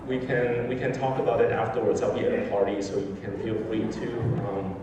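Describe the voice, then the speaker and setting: A man's voice: fairly low pitch, steady tone, brisk, highs cut off, noisy background. A man from Malaysia, a film director, giving improvised, hesitant remarks with many fillers on a theatre stage. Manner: hesitant, many fillers and restarts, laughing now and then. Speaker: film director introducing his film. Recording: echoey hall recorded from far off. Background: audience in the hall.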